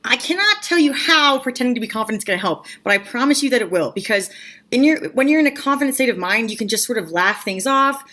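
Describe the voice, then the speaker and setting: A young woman vlogging comic advice in a bubbly, self-mocking way with quick asides. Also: a little high, animated, bright, forceful tone. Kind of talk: scripted comedic vlog advice.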